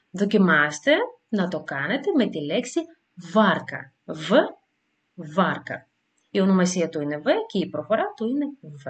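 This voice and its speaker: A woman teacher giving a beginner language lesson, explaining slowly and carefully with frequent hesitations and sounding out example letters and words. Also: fairly low pitch.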